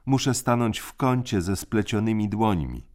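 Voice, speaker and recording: A man's voice: on the low side, animated, moderate pace, voice pushed up, lightly acted. A man voicing an anxious, timid little girl with a small, thin, worried voice. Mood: meek.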